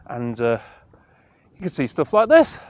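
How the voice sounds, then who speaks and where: A man vlogging outdoors on a mountainside into a camera on a monopod, talking in an earnest, halting, self-deprecating way. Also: mid-range voice, wildly swooping pitch. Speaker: hiking vlogger. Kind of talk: casual walking vlog chat.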